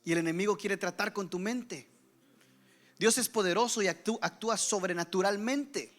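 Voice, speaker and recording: A male pastor preaching a sermon, swinging from loud exhortation to hushed whispers and acting out the voices of the doubting crowd. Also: sits high, normal speed. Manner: acts out the doubting crowd's voices in his telling.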